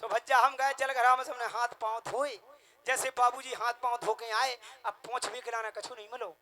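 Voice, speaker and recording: Male comic storyteller, high-pitched and animated, rustic delivery. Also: normal speed. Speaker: comedian.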